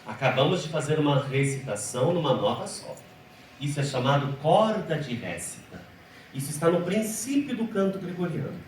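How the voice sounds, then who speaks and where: A man's voice: a little high, very animated, normal speed. A man with a Brazilian Portuguese accent giving a liturgical music lecture, teasing and instructive, leading the audience through chanted examples. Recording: echoey hall from far off, faint hum.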